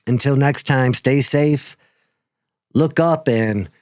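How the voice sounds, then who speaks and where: A man's voice: medium pitch, slow, a little mellow, no echo, studio quality. A man hosting his own video channel, talking in a casual monologue that halts often, repeats words and swears casually. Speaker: video host.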